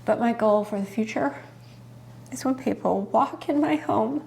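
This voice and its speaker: A woman's voice: a little high, normal speed, vocal fry, a little mellow, a little hiss or hum. Earnest, chatty middle-aged woman host. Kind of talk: casual chat to camera.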